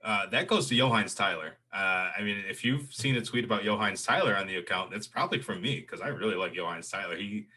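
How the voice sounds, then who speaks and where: A man's voice: on the low side, fairly quick, few pauses, bright, forceful tone, slightly rough. A man co-hosting a casual college football podcast, chatty and full of filler phrases. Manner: chatty, leans on "you know" fillers. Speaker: co-host. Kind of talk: casual sports podcast chat.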